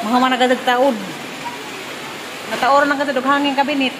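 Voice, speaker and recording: A woman's voice: high voice, little pitch movement, moderate pace, background noise. A woman chatting casually to the camera in a home vlog, laughing often. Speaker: vlogger.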